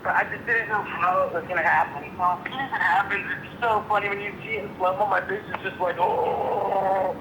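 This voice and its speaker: A man's voice: high-pitched, steady tone, a little fast, few pauses. A man talking over a phone on speakerphone, casual and swearing, calling people "dude". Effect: heard over a phone on speakerphone. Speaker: friend on a phone call. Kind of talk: casual chat. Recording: echoey noisy speakerphone call.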